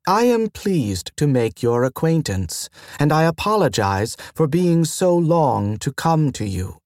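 A man reading the lines of a calm woman starship pilot with a smooth, firmly courteous manner. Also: on the high side, a little slow, no echo, clean studio sound. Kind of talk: audiobook character voice.

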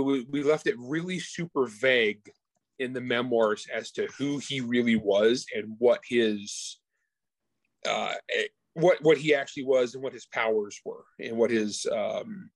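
In a relaxed interview about the book he wrote, this man speaks unhurriedly in a medium pitch. He's slangy and informal and frequently starts his sentences over, and the recording carries no room sound.

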